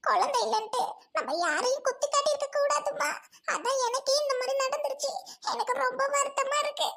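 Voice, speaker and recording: Woman as a pleading young wife, family melodrama skit, very high squeaky voice, gravelly edges. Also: fairly bright tone, slight background noise, heavily acted. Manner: pleading, repeats "aunty" (mother-in-law) again and again.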